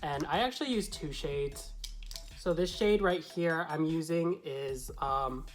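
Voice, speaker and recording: A male drag queen vlogger talks to the camera through a casual tutorial, chatty and meandering as he explains. His voice is a little high and his delivery unhurried.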